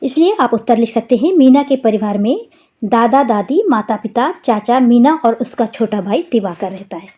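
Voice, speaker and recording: A woman teaches a lesson for young children, with a voice pitched a little higher than most women's. She talks slowly and patiently and spells out each word for small pupils. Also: animated, dark tone, lo-fi sound.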